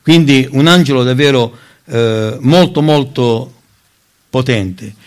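A man's voice: mid-range voice, slow, clear, resonant tone. A man preaching a Bible teaching sermon, reading scripture aloud and stressing key words. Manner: emphatic, rising on key words, lively intonation; addresses listeners as brothers, reads scripture aloud.

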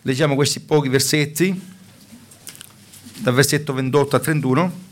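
A man's voice: mid-range voice, steady tone, normal speed. A man preaching a sermon in a fervent way, stopping now and then to restart a word.

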